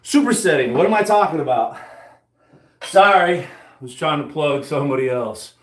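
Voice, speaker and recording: A man in his 40s lifts weights at home and, between sets, trades self-deprecating jokes in casual banter. The voice is fairly high with lively intonation and normal speed, captured with a roomy echo.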